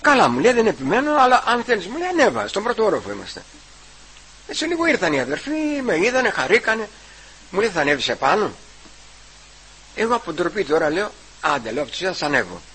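A man giving a personal testimony at church. He retells the conversations and keeps repeating "I say" and "he says", with halting restarts. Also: high voice, huge pitch swings, bright, forceful tone, breathy edge, poor audio.

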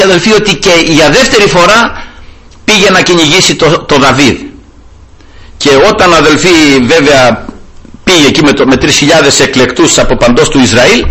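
A man delivers a sermon in a slightly high, very lively voice that rises and falls widely. He retells scripture with animation and keeps turning to address his brethren. He draws out important words slowly to stress them. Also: breathy edge. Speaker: preacher.

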